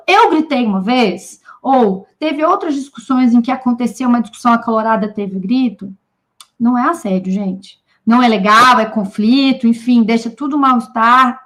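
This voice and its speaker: A woman researcher speaking at a teachers' union debate, talking in an animated way straight to her listeners and acting out quick bits of staffroom talk. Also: fairly high pitch. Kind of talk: informal talk to an audience.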